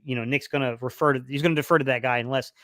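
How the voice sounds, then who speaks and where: He speaks rapid-fire at medium pitch, with fairly even intonation and a fairly bright tone, on a dry, studio-quality recording. The man is a sports livestream host chatting casually about football, reading the chat, rambling through many fillers and restarts as his voice wears a bit thin.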